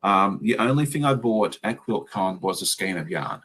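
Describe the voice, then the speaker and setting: This Australian-accented host sews as he chats casually, a chatty storyteller who rambles and says um a lot. He speaks at normal speed in a lowish, expressive voice with a fairly bright tone.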